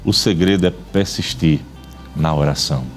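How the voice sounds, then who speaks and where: A man's voice: extremely low pitch, normal speed, soft background music. A man with a Pernambuco accent, a guest on a religious talk show who eagerly affirms the host with frequent amens. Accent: Pernambuco, Brazil. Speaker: guest, church brother.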